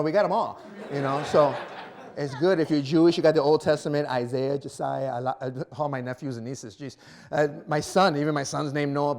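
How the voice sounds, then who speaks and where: A man in his thirties doing a stand-up comedy set, animated and self-mocking, acting out little scenes. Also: a little high. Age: 30s. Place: small performance venue before a live audience.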